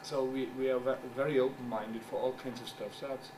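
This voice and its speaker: A middle-aged journal editor whose first language is German presents at a conference, speaking English haltingly and hunting for words in an ordinary mid-pitched voice. The conference room recording comes from a distant mic with steady background noise.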